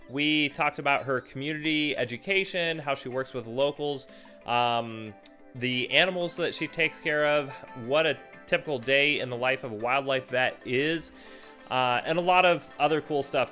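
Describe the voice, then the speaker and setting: A man's voice: mid-range voice, sharp tone. A man hosting a podcast, chatting with enthusiasm and plenty of fillers. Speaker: podcast host. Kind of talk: casual podcast chat.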